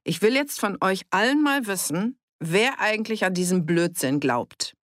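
A reader voicing a calm but challenging village man in an audiobook. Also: mid-range voice, moderate pace, dry recording, clean studio sound, pitched above the performer's own voice, lightly acted.

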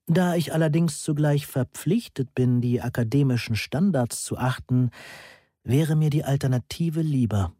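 A cold, formal math professor, played by a man delivers his verdict in measured, polished sentences. The voice sits a little higher than a plain reading. Its tone is husky and mellow. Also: dry recording, clean studio sound, natural voice. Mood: cool formal. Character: aloof male math professor, formal, unfeeling.

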